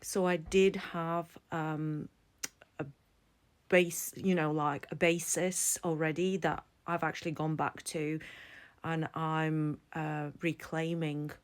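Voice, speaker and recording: A woman's voice: deep voice, little pitch movement, slow, clear, resonant tone. A woman, giving an earnest, reflective personal explainer to camera as a vlogger. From Latvia. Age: 40s. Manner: earnest and reflective, thinking aloud. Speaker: vlogger and psychology student.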